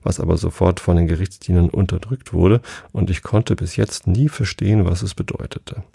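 A man's voice: low voice, fairly even intonation, normal speed, gravelly, mellow, husky, no echo, clean studio sound, heavily acted. A man voicing a curious, pert young girl in a read-aloud storybook.

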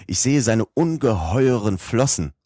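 A man voicing an eager, excitable elderly professor who exclaims as he talks, in a storybook reading. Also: mid-range voice, a little slow, no room sound, studio quality, pitched above the performer's own voice, close to an everyday voice. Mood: excited.

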